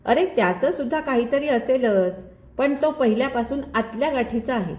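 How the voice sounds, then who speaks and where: A woman voicing an affectionate male friend who speaks gently, in a roomy recording. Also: high-pitched, animated, moderate pace, voice pushed up. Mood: friendly. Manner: warm, gentle. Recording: roomy echo.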